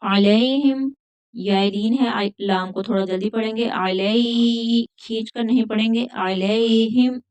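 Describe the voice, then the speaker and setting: A woman teaching a Quran recitation lesson, patiently explaining pronunciation rules step by step and repeating words slowly. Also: medium pitch, fairly even intonation, darkish tone. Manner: recites verses in a drawn-out chant.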